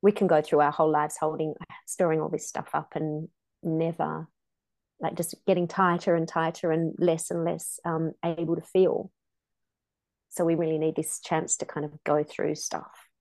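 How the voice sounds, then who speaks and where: Low gravelly woman, earnest coach. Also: level tone, moderate pace, darkish tone, no room sound. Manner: earnest, explanatory, casual. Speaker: sex and intimacy coach. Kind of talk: podcast interview.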